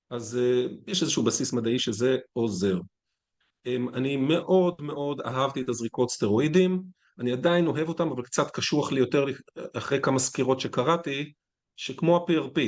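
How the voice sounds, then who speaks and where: A man, a physician, giving a conference lecture in a conversational, candid way with anecdotes. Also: medium pitch.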